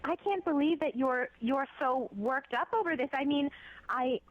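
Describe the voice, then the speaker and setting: A woman's voice: high voice, normal speed, no echo. A woman calling in to a radio show, stammering and apologetic. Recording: dull phone-line audio.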